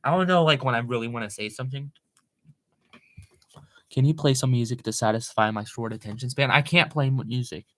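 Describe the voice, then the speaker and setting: A young man from Maryland chats casually on a live stream from his room at home, and his voice sits at an ordinary middle pitch for a man. He talks fast and rambles with excitable energy into his computer microphone. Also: a little hiss or hum.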